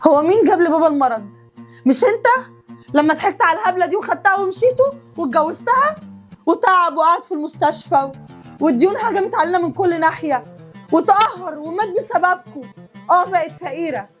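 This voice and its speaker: An actress with an Egyptian accent playing a young sister who mocks and accuses. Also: female voice, extremely high pitch, animated, quick pace, soft background music. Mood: accusing. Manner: mocking, accusing. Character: sharp-tongued young sister, blaming and mocking.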